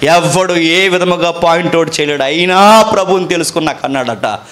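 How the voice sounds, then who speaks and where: Dramatic, fairly high-voiced male preacher. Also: fairly quick. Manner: dramatic, swinging between raised emphatic lines and low hushed ones; rhetorical questions and repeated phrases. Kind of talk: sermon.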